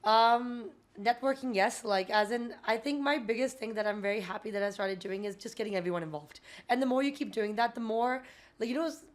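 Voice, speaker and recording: A woman's voice: on the high side, a little fast. A young woman with a Canadian accent, a physiotherapist guest giving earnest, rambling advice in a casual interview, full of fillers.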